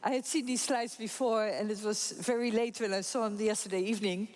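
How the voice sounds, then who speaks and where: Moderating a conference panel for an audience, this woman speaks briskly in a steady, mid-range voice with a darkish tone. Her manner is informal and chatty, she laughs readily, and the hall is reverberant.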